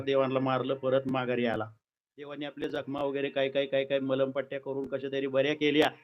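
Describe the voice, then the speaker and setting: A man performing a kirtan, telling a sacred story in a lively, dramatic way with comic asides. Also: on the high side, poor audio.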